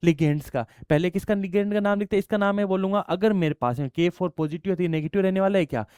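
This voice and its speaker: High-voiced man teaching chemistry. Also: fast, a little mellow, smooth, no echo, studio quality. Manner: explains step by step, asks students questions and answers them himself; addresses students affectionately as child. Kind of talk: classroom lecture.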